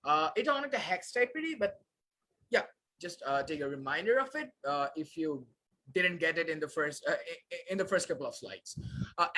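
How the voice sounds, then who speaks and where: A man's voice: high-pitched, pushed and bright, rough recording. A young man teaching a live online class, switching between Bangla and English with frequent filler sounds.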